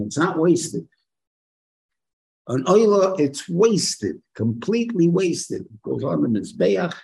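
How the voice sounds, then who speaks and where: A man's voice: mid-range voice, vocal fry, darkish tone, slightly rough, poor audio. A man gives an informal religious lecture as a rabbi, using rhetorical questions and short, emphatic repetitions. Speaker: rabbi giving a Torah lesson.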